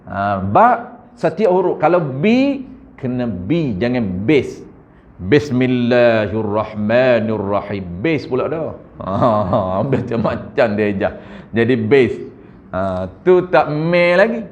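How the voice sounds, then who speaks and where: A man with a Malaysian Malay accent teaching correct Quran recitation, chanting verses slowly and correcting pronunciation. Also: medium pitch, sing-song. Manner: addresses audience as tuan-tuan, frequent "ha". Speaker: religious teacher. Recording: muffled lo-fi recording.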